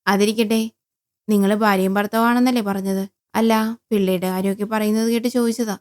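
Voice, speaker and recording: A woman's voice: mid-range voice, steady tone, fairly quick, darkish tone, close to an everyday voice. A woman voicing a mocking man in his forties on a bicycle, sly and needling in tone.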